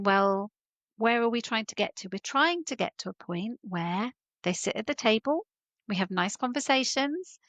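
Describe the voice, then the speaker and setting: A woman guest on a podcast who explains parenting advice calmly and fluently. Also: mid-range voice, no room sound. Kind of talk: explanatory interview answers.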